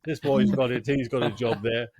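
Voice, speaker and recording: A man's voice: medium pitch, steady tone, moderate pace, a loud crowd. A man hosting a casual gardening chat show, talking in a loose, rambling way. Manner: chatty, keeps asking "do you know what I mean". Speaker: host.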